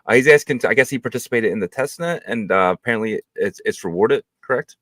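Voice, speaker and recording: A man's voice: medium pitch, quick pace, no room sound. A man co-hosts a podcast, reading out listener questions in a laid-back, joking way. His voice sounds dry and close, with no room around it. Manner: relaxed, reads audience questions, jokey. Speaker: co-host. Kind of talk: casual podcast chat.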